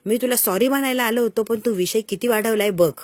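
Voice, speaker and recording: A woman's voice: a little high, quick pace, darkish tone, dry recording, lightly acted. A woman voicing a hot-headed young husband who pleads and then scolds, repeating himself, in a storytelling retelling. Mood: angry.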